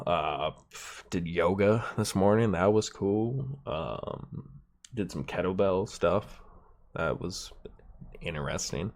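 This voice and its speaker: A man hosting a solo podcast, chatting in a rambling, laid-back way with lots of fillers and swearing, his nose stuffed up. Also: low voice. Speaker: podcast host. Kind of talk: solo casual podcast chat.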